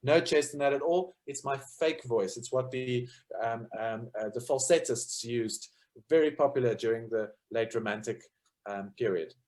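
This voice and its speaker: At normal speed, a man with a medium, slightly mellow voice delivers an informal lecture about choral music that includes sung demonstrations. His manner is explanatory and step by step, with frequent fillers as he thinks aloud.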